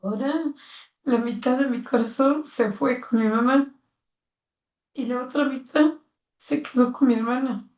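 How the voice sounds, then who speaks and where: Una mujer mayor con acento mexicano relata con sentimiento los recuerdos de su vida, dando voz a los diálogos que recuerda. Su voz es algo aguda y suena apartada del micrófono, en una sala con eco. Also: female voice, sits high, unhurried, long pauses, darkish tone. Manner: earnest and heartfelt, acting out remembered dialogue. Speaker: interviewee, mother of the interviewer. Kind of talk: personal life story told in conversation. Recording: roomy sound, mic at a distance.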